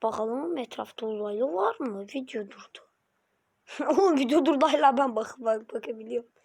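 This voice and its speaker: A woman giving excitable, slangy reaction commentary as a YouTuber, yelping whenever something scares her. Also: high-pitched, normal speed, creaky, husky. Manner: excitable, jumpy and slangy, yelps when scared. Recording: loud background noise.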